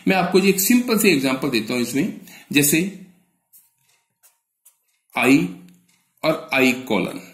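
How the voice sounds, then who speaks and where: A man from northern India teaching an exam-prep lesson in a slightly high voice. He asks questions and answers them himself, with polite "ji" all through. The room is echoey. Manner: addresses the students with a polite "ji".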